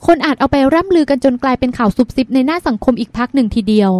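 A woman reading the part of a calm, gentle young man speaking softly to his girlfriend in an audiobook. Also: very high-pitched, racing, dry recording. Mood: soothing.

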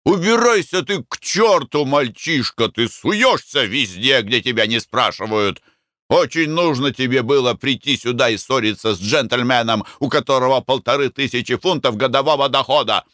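A man voicing a hot-tempered, coarse young man who shouts scornfully in a raised voice. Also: medium pitch, moderate pace, no echo, studio quality, pitched above the performer's own voice, natural voice. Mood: furious.

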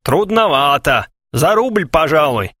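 A man playing a cheeky male street newspaper hawker with boastful patter. The voice bounces lively in pitch, a comic storybook bit, close and dry. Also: takes it slowly, dry recording, full character voice.

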